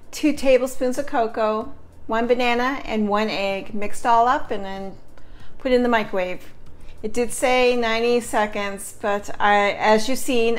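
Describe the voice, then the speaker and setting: A middle-aged woman chatting casually as she demonstrates a recipe at home in her kitchen. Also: mid-range voice. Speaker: home cooking vlogger.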